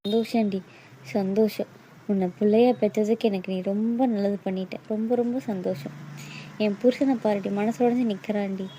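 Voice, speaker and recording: A woman's voice: mid-range voice, steady tone, normal speed, warm tone, a little hiss or hum, close to an everyday voice. A middle-aged woman playing a hurt mother who scolds her daughter bitterly. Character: angry, hurt mother of the bride.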